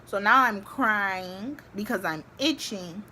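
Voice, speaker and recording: A young woman vlogging, telling a story to the camera in a chatty, animated way with many filler likes. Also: medium pitch, slow, a little hiss or hum. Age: young adult.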